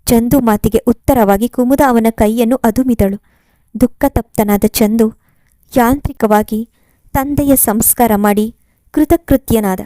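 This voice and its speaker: A woman telling an emotional story in a steady, expressive storybook reading. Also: fairly high pitch, unhurried, no room sound, clean studio sound. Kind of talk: storybook narration.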